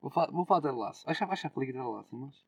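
Fast-talking man with European Portuguese accent. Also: mid-range voice, expressive, gravelly, darkish tone, husky, dry recording, low-quality recording. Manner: slangy, swearing. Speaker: podcast co-host. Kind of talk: casual chat.

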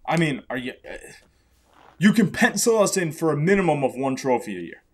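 A man's voice: on the high side, very animated, brisk, slightly rough. A man hosting a podcast, ranting emphatically with sarcasm in casual chat. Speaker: podcast host.

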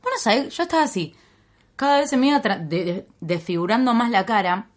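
A woman's voice: a little high, lively intonation, fairly quick. A young woman with a Rioplatense Argentine accent telling a story in casual chat, acting out the dialogue and swearing freely. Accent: Rioplatense Argentine Spanish. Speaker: podcast guest.

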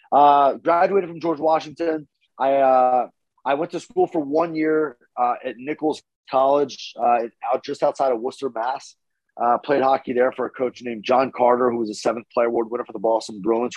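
A man's voice: medium pitch, a little mellow, no room sound, poor audio. Easygoing rambling Philly guy. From Northeast Philadelphia, born in Paris. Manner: easygoing, rambling, many fillers. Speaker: podcast guest. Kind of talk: casual interview chat.

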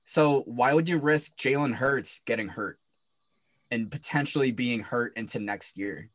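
A man's voice: mid-range voice, unhurried. Sarcastic young man on a podcast. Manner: incredulous, sarcastic. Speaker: podcast co-host. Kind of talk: casual sports chat.

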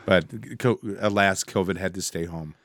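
A man with a deep, dark voice, congested from bronchitis, chatting casually as a co-host. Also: steady tone, normal speed, dry recording, clean studio sound. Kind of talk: casual chat.

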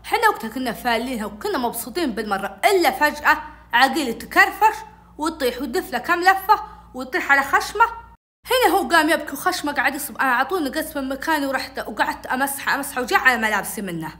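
A woman telling a childhood story in casual storytelling, animated and acting out each voice. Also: high-pitched, racing. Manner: animated, acts out every voice.

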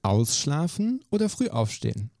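A man hosting a podcast, firing off quick questions in a lively, brisk way. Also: on the high side, creaky, no room sound, clean studio sound. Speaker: podcast host. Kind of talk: quick-fire question interview.

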